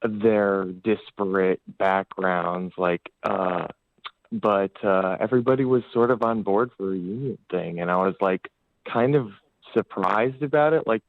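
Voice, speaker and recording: A man's voice: lowish voice, measured pace, no echo. Male caller over a thin, dry phone line; rambling, filler-heavy. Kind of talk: casual call-in chat.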